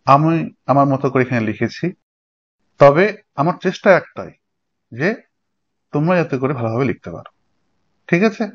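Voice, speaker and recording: A man's voice: medium pitch, big pitch swings, moderate pace, long pauses, slightly rough. Man lecturing students over dull audio. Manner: explanatory, checks in with students. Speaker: teacher. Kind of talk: recorded lecture. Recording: dull lo-fi sound.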